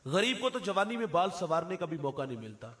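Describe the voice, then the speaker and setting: A male Islamic preacher giving a storytelling sermon, with dramatic pauses and verses recited in a slow lilt. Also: high-pitched, very animated, fairly bright tone.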